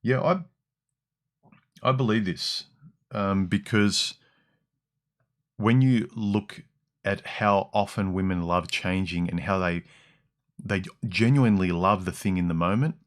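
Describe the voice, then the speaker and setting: On a casual livestream, an Australian man reads chat comments through a dynamic broadcast mic, his deep voice carrying some harshness in the low and middle range. He speaks slowly and pauses often, rambling with plenty of ums and restarts.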